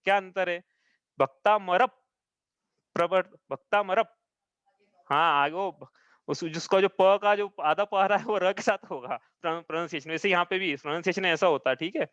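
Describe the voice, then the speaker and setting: A man's voice: high voice, fairly bright tone, clear, resonant tone, no room sound, dull audio. A man teaching a live class, patiently explaining each step and often checking that his students follow. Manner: chants verses slowly. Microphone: own mic, audio only.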